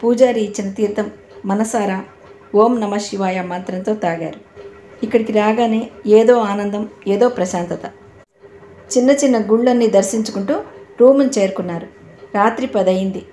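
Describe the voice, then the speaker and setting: A woman reading an audio novel aloud in a calm, steady storytelling manner. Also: medium pitch, normal speed. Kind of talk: scripted narration. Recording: echoey room, faint background noise.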